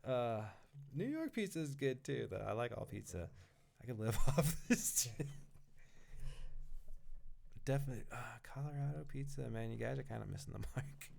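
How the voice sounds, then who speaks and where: A man's voice: medium pitch, expressive, moderate pace, vocal fry, pauses often, a little mellow, a little hiss or hum. A man in a casual podcast conversation, rambling, laughing often and swearing now and then. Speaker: podcast guest or co-host. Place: indoor podcast recording in Colorado.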